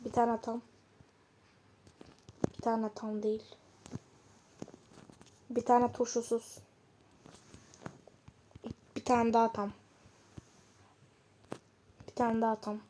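Woman gamer chatting over gameplay, high mellow voice, talks to herself, gets annoyed at the game. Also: little pitch movement, slow pace, long pauses, a little hiss or hum. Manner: chatty, mutters to herself, frustrated outbursts at the game. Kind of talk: casual gameplay commentary.

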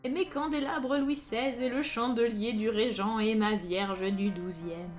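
A woman's voice: normal speed, faint music behind, close to an everyday voice. A woman voicing a wealthy older male baron who is frantic and panicked, reading a story aloud. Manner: shrill, frantic outbursts.

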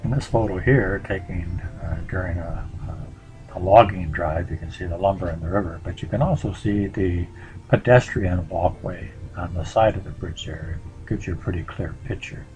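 A man presenting a local history slideshow in a relaxed, conversational way, pausing often on fillers. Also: low-pitched, soft background music, low-quality recording.

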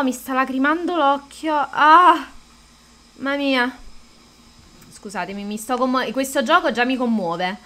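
Brief: high-ish, slow-talking woman streamer, chatty and quick to swear at the game. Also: pushed and bright. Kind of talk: casual live-stream gameplay chat.

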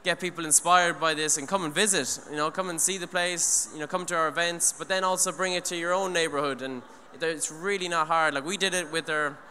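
A young Irishman addresses an eco event from the stage of a large hall, rambling earnestly into a handheld microphone with many restarts and "you know"s. His fairly high voice is bright and forceful, steady in tone, and moves fairly quickly with few pauses. Faint noise and long hall reverb are present.

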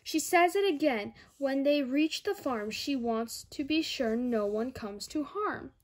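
A high, lively female voice, a little slow, belongs to a young girl reading a children's picture book aloud at home indoors. She goes carefully, word by word, adding small asides to her listeners as she narrates the story.

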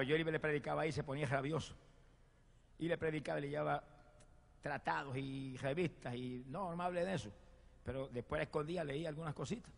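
A man preaching a sermon and telling his own testimony, fervent, swinging from loud exclamations to hushed storytelling. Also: a little high. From Puerto Rico. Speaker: evangelist preacher. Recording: long hall reverb.

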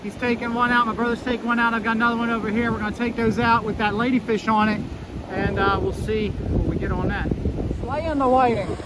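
A middle-aged man with a strikingly high voice narrates his fishing trip on a sandy beach. His talk is upbeat and casual as he shows each catch to the camera. Loud wind and crashing surf roar over the recording. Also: fairly even intonation, fairly quick. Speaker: fishing vlog host.

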